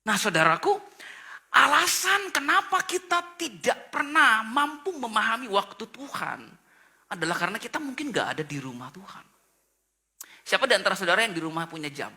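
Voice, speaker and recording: Male pastor preaching online, super bright sharp voice, jumps way up high when acting out people. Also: moderate pace. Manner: animated storytelling, acting out characters with sudden high-pitched exclamations; mixes in English phrases. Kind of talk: sermon. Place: church, online service.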